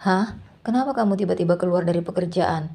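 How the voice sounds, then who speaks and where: A woman reading aloud plays a middle-aged shop boss, firm but fair with his worker. His voice is dark and husky, held low and flat. It is a storybook narration. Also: fast talker.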